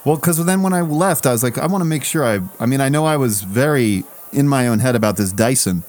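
A man's voice: mid-range voice, expressive, brisk. Man telling a self-mocking story. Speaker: podcast co-host. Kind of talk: casual chat.

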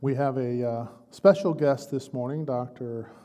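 A man's voice: mid-range voice, fairly even intonation, measured pace, mellow. A man speaking as a pastor, introducing a guest informally in a church with cathedral-like echo. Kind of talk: church announcement. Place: large indoor church space. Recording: echoing church hall, long reverb.

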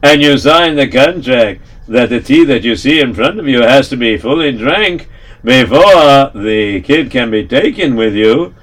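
A storyteller doing a shrewd old rabbi, calm and deliberate in a steady, mid-pitched voice that sounds like the teller's own. he drops Yiddish words here and there and takes his time. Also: low-quality recording. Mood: feigned regret.

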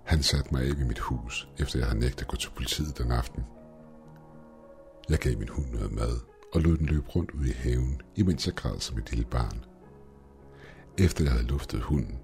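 A man with an extremely deep, low voice narrates a first-person horror story. His telling is scripted and tense. Faint music sits under his voice. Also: darkish tone.

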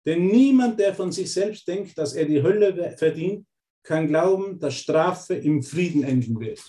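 Ein Mann mit österreichischem Akzent leitet eindringlich eine spirituelle Kurslektion. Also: male voice, a little high, animated, a little slow, mellow. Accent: Austrian. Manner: earnest, emphatic, mixes teaching with acted inner voices. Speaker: spiritual teacher. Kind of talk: spiritual course lesson.

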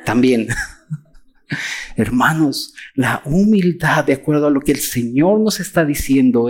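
A preacher with a Mexican accent, delivering a sermon in an animated way and acting out mocking quotes of others. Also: mid-range voice. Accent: Mexican Spanish.

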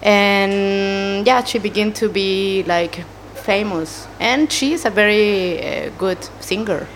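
Chilean woman, slow and hesitant. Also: mid-range voice, a little hiss or hum. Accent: Chilean Spanish. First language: Spanish. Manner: hesitant, searching for English words, many fillers. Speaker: animator, interview guest. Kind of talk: casual interview answers.

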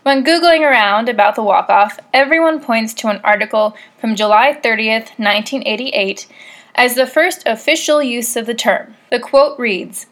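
A woman's voice: on the high side, moderate pace, fairly bright tone. A woman hosting a podcast, telling stories in a casual, wry, self-deprecating way from a loose script. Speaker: podcast host.

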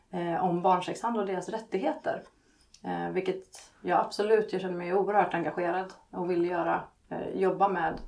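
A woman author talks on a podcast in a low, gravelly voice. She pauses often and fills the gaps with hesitations. Her answers come slowly and thoughtfully. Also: darkish tone. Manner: hesitant, many fillers. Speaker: author and guest.

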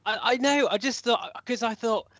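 A man guesting on a casual tech podcast, animated and laughing easily. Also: very high-pitched, moderate pace, no echo, highs cut off. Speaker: guest co-host.

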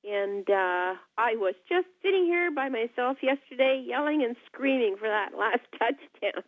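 A woman's voice: fairly high pitch, expressive, measured pace, no echo. An older woman calling a talk radio show over the phone, speaking earnestly and with enthusiasm. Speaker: caller. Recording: tinny dry phone line.

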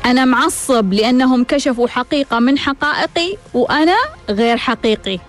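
A woman's voice: high-pitched, a little fast, faint music behind. A woman hosting a self-help show, giving a scripted monologue in which she asks questions and answers them herself.

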